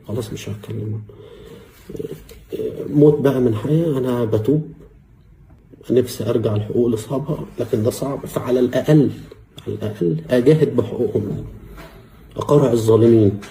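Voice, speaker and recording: A man with an Egyptian Arabic accent giving a personal video statement as a former security officer, earnest and halting, with frequent hesitations and a grave religious tone. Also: mid-range voice, gravelly, mellow, a little hiss or hum.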